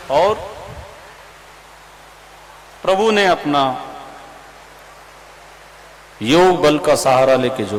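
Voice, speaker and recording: Male katha preacher, a bit high-pitched, lively storytelling sermon to a live audience. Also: slight background noise. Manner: animated storyteller, acts out the characters' lines; asks the audience questions directly. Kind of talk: devotional scripture storytelling sermon. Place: religious gathering before a live audience.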